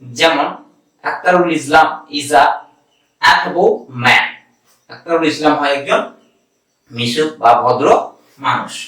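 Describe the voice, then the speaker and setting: A man with a Bangladeshi accent teaching an online English pronunciation class. He says each word slowly several times and then gives its meaning. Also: on the high side, pushed and bright, very echoey, distant mic, rough recording. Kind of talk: online language lesson.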